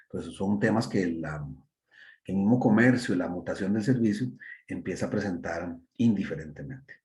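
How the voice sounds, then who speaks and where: Man lecturing, mellow and hesitant. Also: low voice, moderate pace. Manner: explains with many rhetorical "¿verdad?" tags and hesitant "eh" fillers; acts out brief customer dialogues in his examples. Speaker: university lecturer. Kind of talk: classroom lecture.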